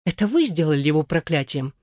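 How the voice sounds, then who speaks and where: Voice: mid-range voice, big pitch swings, quick pace, darkish tone, dry recording, clean studio sound. A reader of an audiobook voicing a passionate, jealous woman who pleads and demands urgently. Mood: pleading, anguished.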